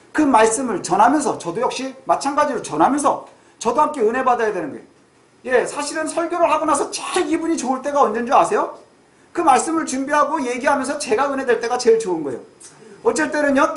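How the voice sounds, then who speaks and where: A middle-aged man preaching a Sunday sermon as pastor, conversational and full of questions to the congregation, swinging between raised and hushed delivery. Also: very high-pitched. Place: church sanctuary. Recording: echoey church room.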